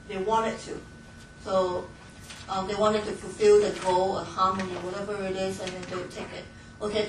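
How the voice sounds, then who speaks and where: The distant, echoey voice of a woman lecturing a class comes from a Hong Kong missions training instructor with a mid-range pitch. Her delivery is chatty and laughter-filled, with lots of fillers and false starts, against faint room noise.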